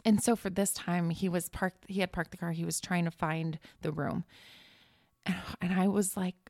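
An earnest woman recounts a personal story as a podcast guest, her voice carrying a gravelly creak. She talks with feeling and often restarts her sentences. The recording is dry, with no room echo. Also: fairly low pitch, fairly even intonation, normal speed, darkish tone. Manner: earnest, emotional, many restarts.

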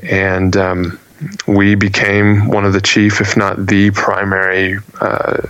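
A man telling a personal story as a guest in a casual interview, earnest and animated, often restarting his phrases. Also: sits low, slow pace, muffled recording.

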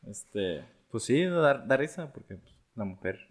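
A man's voice: medium pitch, very animated, unhurried. A man with a Mexican accent chatting casually as a podcast co-host, full of slang. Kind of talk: casual chat among friends.

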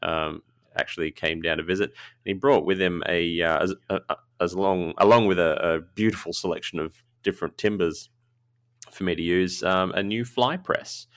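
A man's voice: low-pitched, moderate pace, fairly bright tone, no echo, studio quality. A man hosting a podcast, chatting casually with frequent laughs and filler words. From Australia. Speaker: podcast host, knifemaker.

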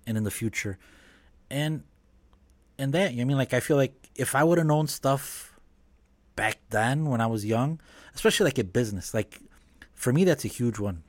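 A man with an average-pitched voice talks as a podcast guest. He speaks in a relaxed, halting way, full of restarts. The recording is dry and close, with no room echo. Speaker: podcast guest, business owner. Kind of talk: casual conversation.

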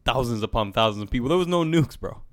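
A man's voice: medium pitch, expressive, fast talker, no room sound. A man talking casually and emphatically at length, peppering his speech with bro. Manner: emphatic, talkative, says "bro" often. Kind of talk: casual conversational talk.

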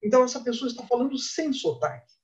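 A man, a linguist guest, explaining patiently and methodically in an interview. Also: extremely high pitch. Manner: didactic, measured, lively intonation. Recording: dull lo-fi audio.

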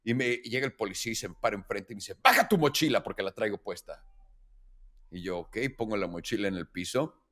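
Animated Mexican man telling a story. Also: lowish voice, fast talker. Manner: animated storyteller, acting out quoted voices, swearing freely. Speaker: podcast host. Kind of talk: casual storytelling chat.

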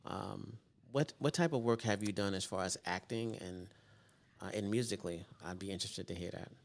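A man hosting a casual interview, repeating phrases and filling pauses with um and you know. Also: deep voice, creaky. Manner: repeats words, laughs, many fillers. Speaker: interview host.

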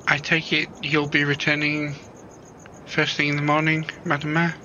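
A man playing a courteous, dry-witted gentleman. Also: a little high, monotone, dull audio, a little hiss or hum, pitched above the performer's own voice. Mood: polite. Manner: polite, measured.

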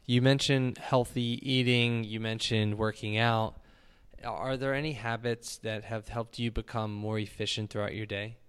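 Male podcast host; courteous, hesitant questioner, clear voice. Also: lowish voice, steady tone, a bit bright. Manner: polite, appreciative, halting with repeated words. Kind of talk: interview questions.

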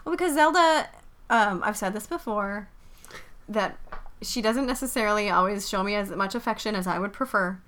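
A woman's voice: medium pitch, moderate pace, fairly bright tone, a little hiss or hum. A woman co-hosting a podcast in casual chat, telling rambling stories and giggling often. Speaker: podcast co-host.

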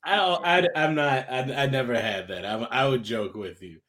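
A man in his thirties with a mid-pitched voice chats on a podcast. He starts out haltingly and stammers before he gets going. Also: fairly bright tone. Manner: hesitant, stammers, then laughs. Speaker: podcast co-host. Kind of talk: casual chat.

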